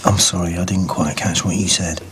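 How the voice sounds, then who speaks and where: Actor as a low-voiced sarcastic detective. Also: male voice, fairly even intonation, a little fast, background noise, close to an everyday voice. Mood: sarcastic, pressing. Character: sceptical, sarcastic male detective interrogating a suspect. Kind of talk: television police drama acting.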